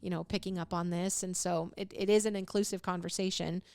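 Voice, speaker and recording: A woman's voice: lowish voice, fairly even intonation, a little fast, creaky, darkish tone, no room sound. A woman co-hosting a podcast in casual conversation, often laughing as she reads funny anecdotes aloud. Her voice is recorded close and dry, with little sense of the room around her. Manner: chatty, laughs often, quotes friends. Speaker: podcast co-host. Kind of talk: casual chat, reading jokes aloud.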